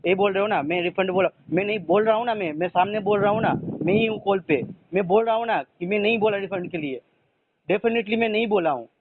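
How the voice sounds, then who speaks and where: A man's voice: sits high, quick pace, slightly rough. A man calling customer support, frustrated and insistent, repeating himself as he complains. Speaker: customer caller. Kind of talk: phone complaint call. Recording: tinny phone line with faint noise.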